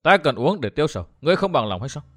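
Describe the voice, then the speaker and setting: A man's voice: fairly high pitch, big pitch swings, racing. A man reading a story aloud and voicing a fiery, sulky young woman who scolds sharply and breaks into tears. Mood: stern. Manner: sharp, scolding, tearful outbursts.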